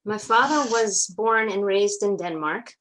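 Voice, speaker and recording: A woman with a North American accent, connected to New York, Atlanta and Montreal, shares her family's history as an interview guest in a conversational style. She speaks unhurriedly in a medium-pitched, fairly bright voice, though the audio quality is poor.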